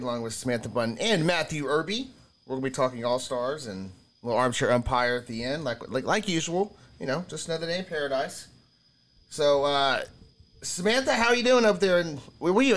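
A man's voice: on the high side, animated, a little fast. A man hosting a sports podcast with casual, laid-back, folksy chat.

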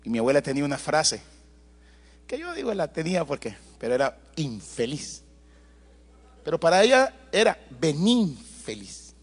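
A man preaching a sermon in church, telling family stories with lively asides to the congregation and loud bursts. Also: a little high, normal speed, pauses often, breathy edge. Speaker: pastor.

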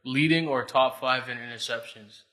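A man co-hosting a casual sports chat with friends, using relaxed slang. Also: mid-range voice, normal speed. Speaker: sports talk show co-host.

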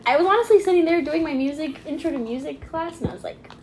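A woman's voice: sits high, quick pace, a crowd in the background. A young woman co-hosting a casual podcast chat at home, giggling often as she talks. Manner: giggly, laughs often between lines. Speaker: podcast co-host. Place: home kitchen.

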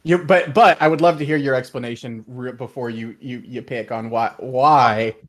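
A man co-hosting a podcast, teasing and animated in casual chat. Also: medium pitch, moderate pace. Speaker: podcast co-host.

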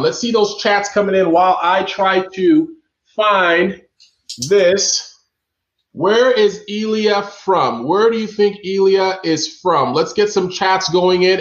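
A man with a high, fairly bright voice hosts a live online stream from an indoor room, upbeat and chatty as he reads out viewers' chat guesses. The sound is roomy and dull, and at times he talks away from the mic.

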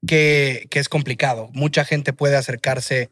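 Mid-pitched man, dry sound. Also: steady tone, measured pace, fairly bright tone, dry recording. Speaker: co-host. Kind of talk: casual chat.

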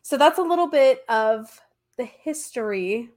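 This woman's voice is high yet darkish in tone, expressive and unhurried, and her nose sounds blocked by allergies. As a podcast host she tells history in a relaxed, conversational way, informal and heavy on slang and emphasis.

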